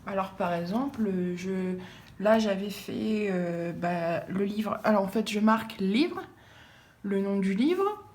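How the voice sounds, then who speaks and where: A woman's voice: mid-range voice, lively intonation, slow pace, a little mellow. A woman chatting casually about her art supplies, rambling with many fillers and repeated words. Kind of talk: casual chat.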